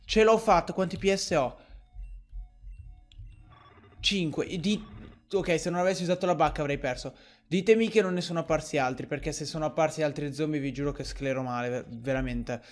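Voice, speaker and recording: A young man doing excitable Let's Play commentary over a game, swearing often and yelling when frustrated. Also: fairly high pitch, fast talker, faint music behind. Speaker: gaming YouTuber.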